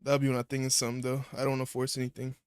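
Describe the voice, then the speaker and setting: A man in casual livestream chat, talking in relaxed slang while he eats. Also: medium pitch, very fast, clean tone, no room sound. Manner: laid-back slang, eating while talking. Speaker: livestream guest.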